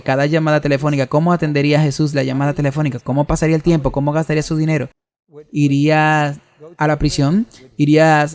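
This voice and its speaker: Male pastor, sermon, fairly high voice, earnest and measured delivery. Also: a little mellow. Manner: earnest, measured delivery in short listed phrases. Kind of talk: sermon with ministry updates.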